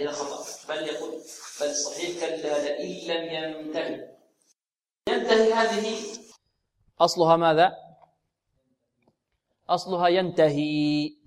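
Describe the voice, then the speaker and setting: Male Quran recitation teacher, slightly raised pitch, quizzes himself aloud, recites examples slowly. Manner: asks the class questions and answers them himself; slows down to recite and repeat words. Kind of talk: tajweed lesson with recited examples.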